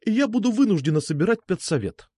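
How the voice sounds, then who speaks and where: A man voicing a stern middle-aged female schoolteacher with a contralto voice, who talks loudly and commandingly. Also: sits high, sing-song, fast, breathy edge, dry recording, studio quality, voice pushed up, exaggerated voice. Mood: stern scolding. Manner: scolding, loud and commanding.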